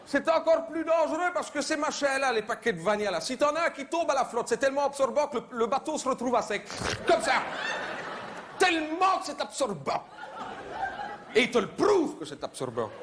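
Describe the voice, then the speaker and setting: A man doing live stand-up comedy, mocking and conversational, now and then shouting in put-on voices. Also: extremely high pitch, sing-song, a little fast. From Belgium. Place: theater stage before a live audience. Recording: live show recording with crowd noise. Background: audience laughter and applause.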